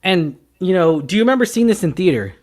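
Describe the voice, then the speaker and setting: A man in his twenties hosting a casual movie talk show, excitable and teasing, with loud bursts. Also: high-pitched, fast. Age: 20s. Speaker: podcast host. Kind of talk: casual film chat.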